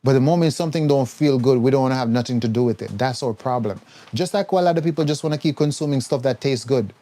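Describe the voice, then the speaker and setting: A man's voice: mid-range voice, fast talker, warm tone. A man giving a blunt, scolding health talk on a live stream, mimicking the people he quotes. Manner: mimics others in quoted voices. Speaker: herbal health coach.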